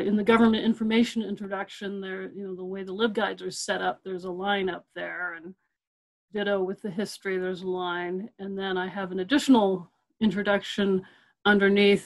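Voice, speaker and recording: Over a computer mic, a middle-aged woman who works as a librarian gives a webinar in a mid-range voice. She speaks loosely and conversationally, with frequent fillers and false starts, repeating the main ideas.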